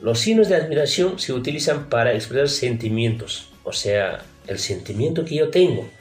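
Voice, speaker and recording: Lively-voiced male teacher in a roomy space. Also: medium pitch, normal speed. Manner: formal, repeatedly addressing pupils directly; explains patiently with rhetorical questions. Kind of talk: recorded classroom lesson. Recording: roomy echo, faint music behind.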